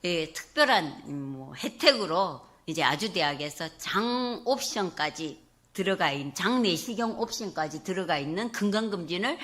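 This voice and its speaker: A middle-aged woman preaching a personal testimony from the pulpit. Her voice rises and falls with lots of movement, and its tone stays clear and bright. She tells her story with animation. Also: fairly low pitch, normal speed. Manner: animated storytelling, acting out her own past words. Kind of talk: testimony sermon. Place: church sanctuary.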